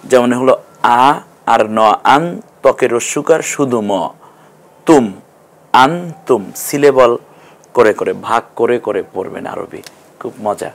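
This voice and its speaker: Male teacher, mid-pitched, patient classroom delivery, stretches out syllables when sounding them out. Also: gravelly. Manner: slow, drawn-out syllable-by-syllable sounding out; patient, explanatory. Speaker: Quran reading teacher. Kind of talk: TV classroom lesson.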